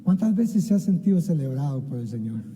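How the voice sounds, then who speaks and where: An impassioned man preaching a sermon with a deep, mellow, warm tone pitched slightly high. He calls out to the congregation and acts out scripture scenes. His voice rings with the long reverb of a church hall. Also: big pitch swings, brisk, slight background noise. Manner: impassioned, keeps addressing listeners as "hermano"; acts out biblical dialogue. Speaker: pastor. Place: church sanctuary.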